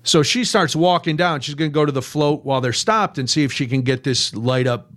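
A man's voice: fairly high pitch, a little fast. An older man hosting a radio show, telling self-mocking stories in a casual chat. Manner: animated, self-mocking storyteller. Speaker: radio host.

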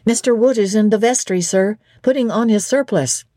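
A woman voicing a dutiful young male footman in a storybook reading, giving brisk, deferential replies. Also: medium pitch, dark tone, no echo, studio quality, pitched above the performer's own voice, lightly acted.

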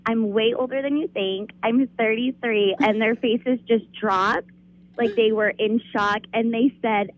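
A woman's voice: on the high side, steady tone, unhurried, no echo, muffled recording. A woman in her thirties calling in to a radio show, telling a story with a giggly, bubbly manner. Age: 30s. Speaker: caller. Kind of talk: phone-in story.

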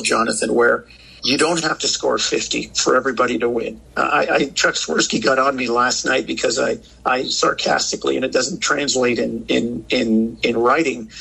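Bright-voiced, gravelly man on a call. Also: mid-range voice, low-quality recording. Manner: talkative, many restarts and fillers. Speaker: radio guest, basketball analyst. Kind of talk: phone-in sports radio interview. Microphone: phone line.

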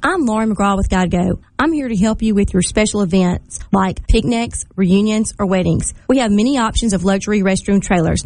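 A woman presents her business in a scripted local spot. Her voice is medium-pitched and recorded very dry. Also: darkish tone, no room sound. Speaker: business representative.

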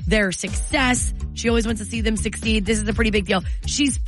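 A woman's voice: a little high, a little fast. An American woman co-hosting morning radio, chatting and announcing in an enthusiastic, gushing way. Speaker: radio morning show co-host. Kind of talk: upbeat radio chat and announcements. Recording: music bed under voice. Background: music.

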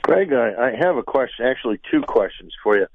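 A man's voice: medium pitch, very animated, brisk, no echo. Sarcastic male caller over the phone. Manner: teasing, sarcastic smart aleck. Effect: heard over the phone. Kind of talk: call-in radio talk. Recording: tinny phone line.

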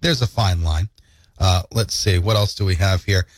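The speaker is a man in his thirties co-hosting a morning radio program, and his storytelling is animated, playful and packed with jokes. His low-pitched voice goes at a normal speed through a studio mic, with no room sound at all.

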